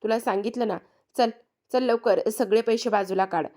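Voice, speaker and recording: A woman's voice: a little high, steady tone, moderate pace, darkish tone, close to an everyday voice. A woman voicing a stern young woman who protects her home and scolds a thief, read inside a recap. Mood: scolding. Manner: read as quoted lines within a narrated recap.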